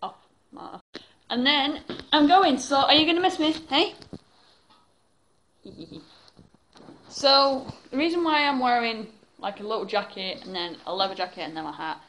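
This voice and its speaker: Talking to a phone held at arm's length, a young vlogger from England rambles casually and fills her speech with fillers, first in her bedroom and then elsewhere in the house. Her voice is fairly high and fairly bright, at a normal speed. The audio quality is poor.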